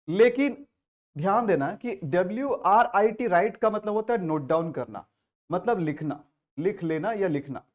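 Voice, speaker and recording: A man with an Indian accent teaching English vocabulary in an exam-prep lesson, explaining step by step and answering his own questions. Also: high-pitched.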